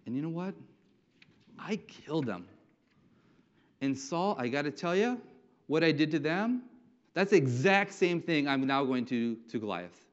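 A fired-up young shepherd boasts defiantly to a king about the beasts he has killed, as a man acts him out in his sermon. His voice sits fairly high, and the recording is dull and lo-fi. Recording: dull lo-fi sound.

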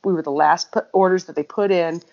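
A woman's voice: fairly low pitch, fairly even intonation, brisk, darkish tone, muffled recording. A woman co-hosting a casual chat, telling long rambling stories and laughing often.

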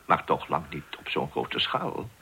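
An actor playing a cautious elderly chancellor in a radio drama, speaking formally and deliberately. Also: male voice, a bass voice, sing-song, gravelly, bright, forceful tone, slight background noise, heavily acted. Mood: measured. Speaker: statesman.

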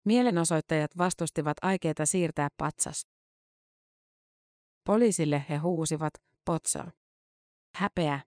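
A narrator reads a long-form news article from a script, delivering dates and figures in an even, measured way. The mid-range voice is recorded at studio quality without echo.

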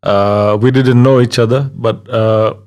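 A man, a DJ answering interview questions in a relaxed, chatty way with many fillers. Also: medium pitch, a little slow, smooth. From Kenya. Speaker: guest, DJ. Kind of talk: conversational interview.

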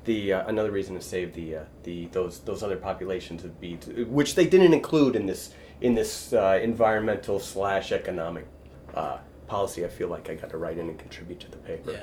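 A man with a lowish voice talks casually with friends, halting often and restarting his sentences. A faint room hum sits behind him. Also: a little mellow. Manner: hesitant, many fillers and restarts. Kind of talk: casual podcast chat.

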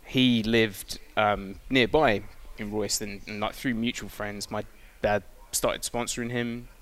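Brief: English male guest, racing driver, lowish voice, dry and self-mocking in relaxed podcast talk. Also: unhurried. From England. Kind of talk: casual podcast chat.

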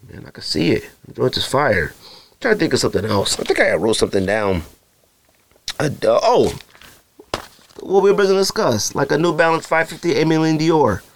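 His voice runs on the high side and sounds creaky, with no echo in the recording. He's an Arizona man hosting a casual solo podcast, rambling in slang and frequently mimicking other people.

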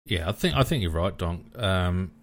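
An Australian man hosting a casual sports discussion, measured and hesitant as he thinks aloud. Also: deep voice, expressive.

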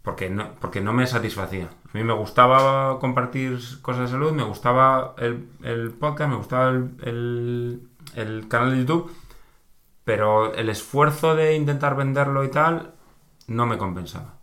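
A man's voice: medium pitch, normal speed. A man with a Peninsular Spanish accent, chatting casually on a podcast, telling stories with frequent laughter. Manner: animated storyteller, laughs often.

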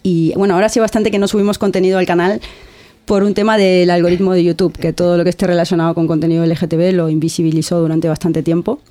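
Woman, Argentine accent, podcast guest, earnest and reflective, warm tone. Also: lowish voice, little pitch movement, quick pace. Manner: earnest, reflective, frequent restarts and filler "¿no?". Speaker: guest, content creator. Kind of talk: casual interview chat.

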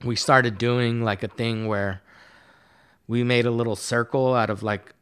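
A man in a casual podcast interview, telling a long story in a relaxed, meandering way. His voice sits in an ordinary middle pitch, and he scatters fillers and curse words throughout. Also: unhurried, clear, resonant tone. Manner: rambling, laid-back, profane, many fillers. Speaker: guest artist.

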